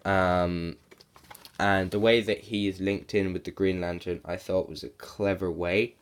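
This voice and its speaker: Slow, low-voiced man with a sore throat. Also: little pitch movement, clean tone. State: sick with a sore throat and sniffles. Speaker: comic book reviewer. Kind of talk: casual video review.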